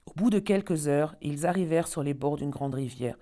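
A woman with a low, deep voice reads a fairy tale aloud. Her delivery is measured and expressive, with clear storytelling phrasing.

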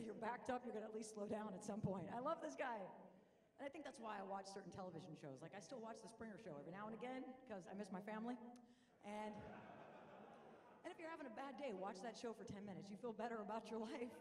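A woman comedian working a club crowd with a brash, animated delivery. She speaks into a stage mic, and her voice rings out in a roomy hall with a long, lingering reverb. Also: a little high. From San Diego, California. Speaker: stand-up comedian. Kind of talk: stand-up comedy. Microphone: handheld mic on a stand. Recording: echoey hall.

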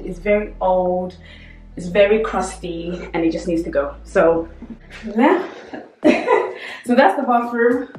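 In this casual vlog walkthrough, a young adult woman shows her viewers around an empty house, talking to them directly in a chatty way. Her voice is medium in pitch and slightly mellow, picked up by a distant mic in echoey rooms with music playing.

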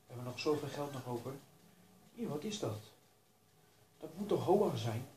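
A man giving casual commentary over his own racing game, talking to himself and urging himself to stay calm. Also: mid-range voice, normal speed, echoey room, a little hiss or hum, low-quality recording. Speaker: gaming YouTuber.

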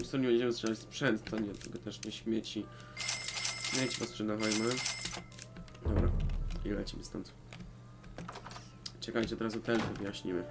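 Young Polish guy gaming, music behind. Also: lowish voice. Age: young adult. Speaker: let's player commenting on a video game. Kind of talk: casual gaming commentary with swearing. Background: game music.

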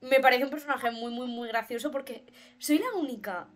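Spanish-accented woman, chatty and playful podcast co-host, laughs a lot, kinda high voice. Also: normal speed. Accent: Spain. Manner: expressive and playful, laughing often. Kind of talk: casual chat.

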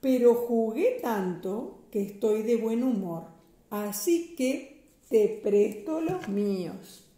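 A woman voicing a playful male monkey in a children's storybook reading, talking quickly and protesting. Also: fairly high pitch, lively intonation, warm tone, roomy sound. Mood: confiding.

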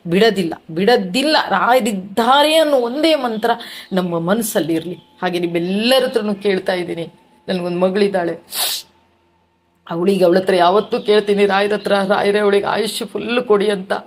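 A woman's voice: mid-range voice, expressive, moderate pace. A middle-aged woman giving an emotional personal testimony about her loss, grieving, repeating words and restarting her sentences. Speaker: devotee sharing her testimony.

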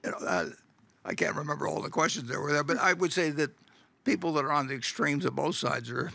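An older man answering shareholder questions at a meeting in a folksy, halting way, with frequent chuckles and restarts. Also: a little high, lively intonation, gravelly, bright, forceful tone, no room sound. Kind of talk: unscripted Q&A answer. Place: large meeting stage at a table.

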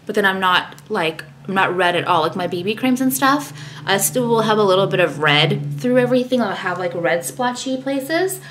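Filming herself at arm's length in her bedroom, a vlogger in her thirties rambles through some self-deprecating product talk about skincare. She has a mid-range, slightly bright voice, speaks animatedly at a moderate pace, and there's slight background noise.

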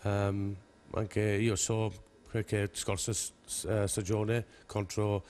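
A man in his forties, a native English speaker with English-accented Italian, speaking haltingly in a studio interview as a rugby coach and searching for words. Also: fairly low pitch, little pitch movement, darkish tone. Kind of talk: television interview. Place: television studio.

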